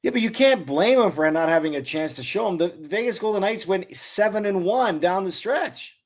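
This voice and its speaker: A man's voice: high-pitched, expressive, moderate pace. A man, a former hockey player, talking hockey with an easygoing, teasing manner. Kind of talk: casual sports chat.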